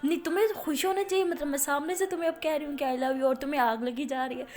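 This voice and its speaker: A woman's voice: high-pitched, fairly even intonation, quick pace, lightly acted. A woman voicing a bold, teasing young female college student who answers back defiantly.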